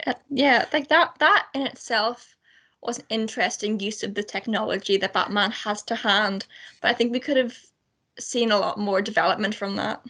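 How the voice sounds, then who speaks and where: A woman's voice: medium pitch, moderate pace, sharp tone. A woman co-hosting a radio film show, criticising a film in a casual, exasperated way.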